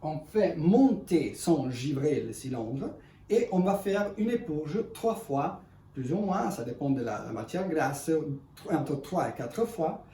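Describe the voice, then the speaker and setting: A man in gives an unscripted product demonstration in halting, self-correcting, speech. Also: fairly high pitch, animated, dark tone. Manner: halting non-native French with self-corrections. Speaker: ice cream machine presenter. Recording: echoey room, distant mic, faint noise.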